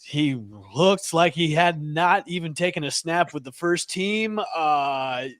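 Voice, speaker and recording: A man hosting a casual sports talk show, animated and quick to laugh. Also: fairly high pitch, no room sound. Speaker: podcast host.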